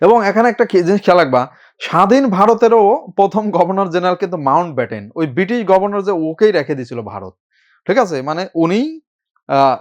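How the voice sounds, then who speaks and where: A man teaching an admission coaching class, informal and brisk, often checking in with his students. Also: fairly high pitch. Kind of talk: live online class lecture.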